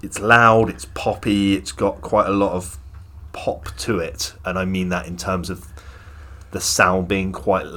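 A man's voice: low voice, level tone, measured pace, bright, forceful tone. A man co-hosting a podcast, chatting about music in an enthusiastic, opinionated way. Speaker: podcast co-host. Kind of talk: casual music chat.

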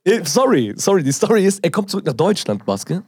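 A man telling stories in casual chat, animated and acting out quotes with laughter. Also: sits high, fairly quick, husky, no echo, studio quality.

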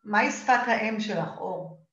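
A woman with an Israeli accent coaching in a live session, emphatic and often checking in with short questions. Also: mid-range voice. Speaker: coach and course teacher leading a live session. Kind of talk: live coaching talk, questioning and addressing listeners. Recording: dull lo-fi, echoey room sound.

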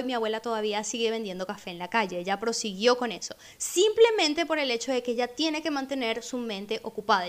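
Higher-voiced woman telling a personal story. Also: a bit bright. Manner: conversational, acts out remembered speech. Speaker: podcast host. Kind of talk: reflective personal storytelling monologue.

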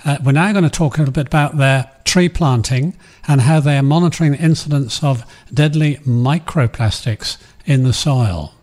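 A man's voice: medium pitch, normal speed, few pauses, a little mellow. An Australian man hosting a community radio programme in a chatty way, addressing listeners directly and interviewing guests.

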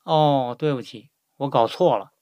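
A man's voice: medium pitch, measured pace, darkish tone, dry recording, natural voice. A man playing a courteous job candidate in a scripted language-lesson dialogue, polite and inquisitive. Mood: polite, curious.

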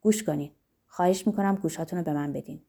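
A woman reading an audiobook, voicing an earnest, defiant young man from outside society whose speech is loud and ringing. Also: on the low side, pitched below the performer's own voice, lightly acted. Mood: impassioned.

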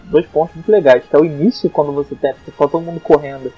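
A husky man with a Brazilian accent talks quickly and enthusiastically in a casual film discussion. His speech is slangy, with faint music behind. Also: on the high side, lo-fi sound.

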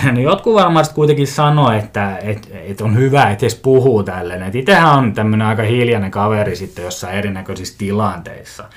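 A man hosting a casual solo podcast, rambling through his pet peeves in a self-mocking, grumbling way, often restarting his sentences and chuckling to himself. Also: fairly low pitch. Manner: mimics other people's voices for comic effect. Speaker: podcast host.

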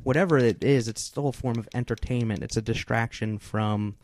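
A man's voice: mid-range voice, steady tone, a little fast, darkish tone. A man co-hosting a casual podcast, hesitantly thinking aloud and restarting his sentences. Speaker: podcast co-host. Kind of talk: casual chat.

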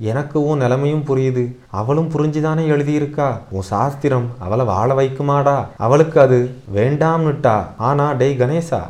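A man's voice: medium pitch, darkish tone, voice pushed up, natural voice. A man voicing a grieving elderly grandmother, fierce yet tender, in a raised, pleading and scolding voice for a dramatic story reading.

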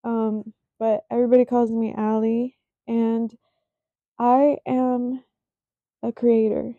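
With little pitch movement and a slightly high voice, a woman in her twenties yawns her way through a casual solo podcast chat. Her talk is slow, rambling and self-conscious, packed with fillers. There is no echo, and the recording sounds dry and tinny, like a phone.

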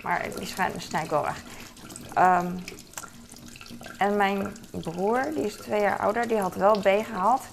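Doing chores for her vlog, a mother in her thirties rambles chattily in a creaky, medium-pitched voice at a measured pace, with long pauses. She livens up during stories, and a little hiss or hum is audible.

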